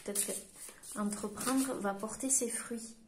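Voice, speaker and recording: A woman with a French accent, working as a medium and giving a spoken card-reading guidance to her viewers, pausing and restarting as she looks for words. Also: fairly high pitch, fairly even intonation, background noise. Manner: halting, searching for words while reading cards. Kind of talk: tarot-style guidance reading to camera.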